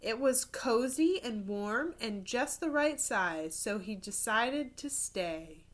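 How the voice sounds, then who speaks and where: A woman teacher reading a picture book aloud to children in an expressive storytelling style, with casual explanatory asides. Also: fairly high pitch, slow pace. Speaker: third grade teacher reading to pupils.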